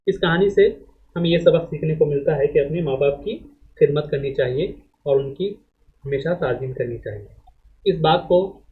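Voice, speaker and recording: A male teacher reads a text aloud to students and explains it, speaking in a measured lecturing way. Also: a little high, a little hiss or hum. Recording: phone-like narrow band audio.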